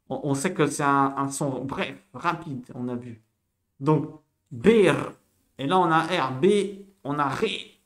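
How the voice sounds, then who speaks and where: A man giving a casual spoken lesson, animated and repetitive, spelling out sounds slowly for learners. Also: on the high side. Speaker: Hebrew teacher.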